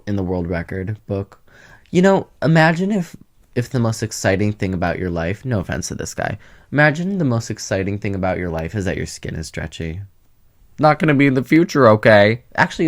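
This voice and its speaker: Sassy young man rambling to camera. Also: on the low side. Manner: chatty, sassy, jumps between topics. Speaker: vlogger. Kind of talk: casual rambling vlog chat.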